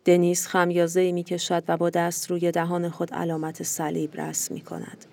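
Read this calmly as a woman narrating a story in a mellow, low voice, close and dry. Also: gravelly, dry recording. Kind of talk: scripted narration.

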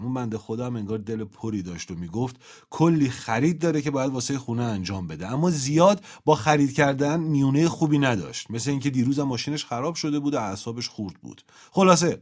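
A male radio host talks to his listeners in a casual, slangy chat. His voice is animated and jumps around in pitch. His voice sits at a mid male pitch.

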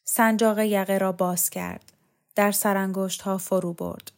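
A woman reading a literary story aloud in a calm, measured narration. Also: mid-range voice. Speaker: story reader. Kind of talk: scripted narration.

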